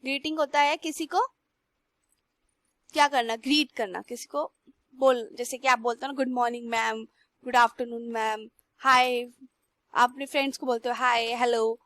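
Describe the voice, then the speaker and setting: A young woman teacher slowly reads textbook lines aloud and then explains them in Hindi. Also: on the high side, steady tone, fairly bright tone, dry recording. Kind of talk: classroom lesson.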